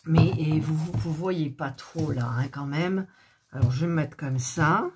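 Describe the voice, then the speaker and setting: A woman's voice: deep voice, a little slow, heavy background noise. A middle-aged woman doing a casual hands-on craft demo, grumbling and talking to herself as she works, filmed up close on a phone. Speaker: craft video host.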